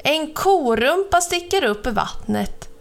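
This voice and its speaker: A woman voicing a grumpy, fussy male crow who mutters and complains slowly. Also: sits high, expressive, creaky, pitched above the performer's own voice. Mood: grumbling.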